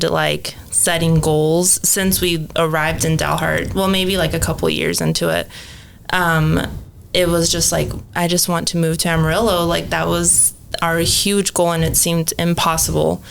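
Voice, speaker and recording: Slightly low and creaky, the voice belongs to a thirty-something woman from Mexico who was raised in Phoenix. She owns a cleaning company and is a guest on a podcast, chatting casually with lots of ums and likes. Faint background noise is present.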